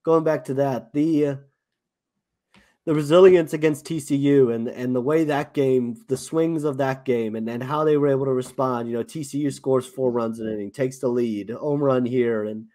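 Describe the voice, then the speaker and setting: A man's voice: medium pitch, steady tone, normal speed, dark tone. A man with a South African accent co-hosting a sports podcast, talking casually with many fillers and restarts. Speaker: podcast co-host.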